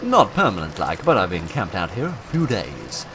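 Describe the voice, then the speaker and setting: A man's voice: deep voice, wildly swooping pitch, moderate pace, background noise, exaggerated voice. A man voicing a cheerful, friendly drifter in a game, with an easygoing folksy manner. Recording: game music playing underneath.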